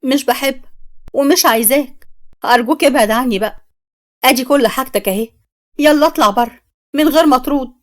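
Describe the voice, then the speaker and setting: A woman voicing an angry young bride, speaking with an Egyptian accent in a sharp, defiant way. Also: high voice, fairly quick, pauses often, lightly acted. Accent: Egyptian Arabic.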